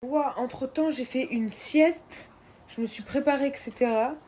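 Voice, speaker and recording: A woman's voice: sits high, a little slow, a little mellow, slightly rough. A young woman chatting casually, giving a diary-style update on her day. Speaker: vlogger.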